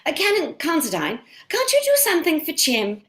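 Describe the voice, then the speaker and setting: A woman's voice: very high-pitched, huge pitch swings, normal speed, a bit bright, full character voice. A woman playing a gushing, imperious society lady in a stage play reading, with an affected theatrical manner. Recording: echoey room.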